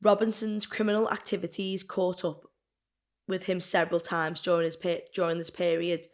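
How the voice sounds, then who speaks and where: A woman's voice: on the low side, flat delivery, moderate pace. A woman co-hosting a podcast, reading a true-crime case from notes in a casual chatty way, now and then stumbling over words. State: burping and hiccuping. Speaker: podcast co-host telling the case.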